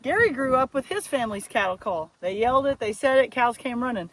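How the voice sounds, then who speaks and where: A woman's voice: on the high side, animated, brisk, fairly bright tone, low-quality recording. A woman chatting playfully and telling stories outdoors on her farm as a vlog co-host. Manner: playful, chatty, laughs easily. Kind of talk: casual chat and storytelling.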